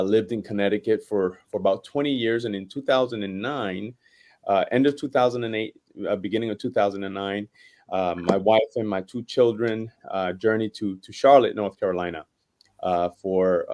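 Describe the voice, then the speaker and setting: A man in his forties from Puerto Rico, a pastor, introducing himself in a halting way with many fillers and restarts. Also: on the low side, a little mellow. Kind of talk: casual guest introduction.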